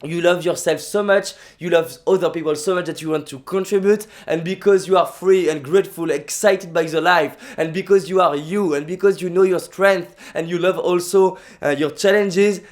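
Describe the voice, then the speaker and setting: In an emphatic motivational vlog, a young man from France, a native French speaker with a French accent, speaks in a high, steady voice at a normal speed with hardly any pauses. His talk is full of repetition and restarts.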